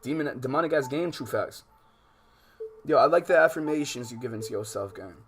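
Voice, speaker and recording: A man of medium pitch, talking a little fast, livestreams a visual novel with music behind him. He mixes casual, slangy chat and swearing with reading the game text aloud, and often sounds exasperated.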